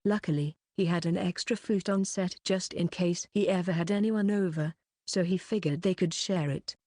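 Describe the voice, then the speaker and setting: A woman reading a light novel aloud in an even, unhurried storytelling manner, close to the mic. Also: lowish voice, no echo. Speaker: audiobook reader.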